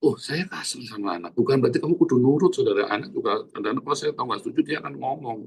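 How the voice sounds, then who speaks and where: A male pastor, preaching in an animated, earthy way and calling out to the congregation. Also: medium pitch, very fast, creaky, breathy edge. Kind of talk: sermon.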